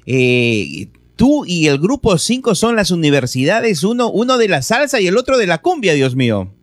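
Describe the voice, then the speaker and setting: A man hosting a radio interview, enthusiastic, with halting fillers. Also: high voice, very animated, dry recording, clean studio sound. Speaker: radio host.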